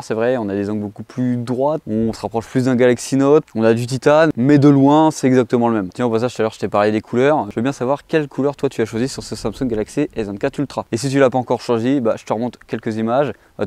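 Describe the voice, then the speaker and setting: A man's voice: mid-range voice, steady tone, quick pace, hardly any pauses, mellow, smooth, no room sound. A man giving a casual, chatty tech product review and speaking straight to the viewer. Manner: chatty, addresses the viewer directly.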